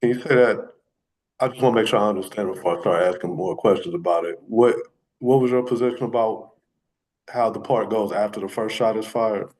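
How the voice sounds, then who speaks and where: Male attorney, low voice, halting and self-correcting questioning. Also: darkish tone, low-quality recording. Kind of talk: courtroom questioning. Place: courtroom.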